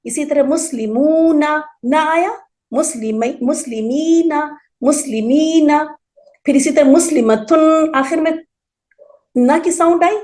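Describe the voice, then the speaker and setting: Female grammar teacher, high voice, patient and methodical, drills word forms aloud. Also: darkish tone. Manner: explains patiently, repeats word forms slowly for emphasis. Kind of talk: online class lecture.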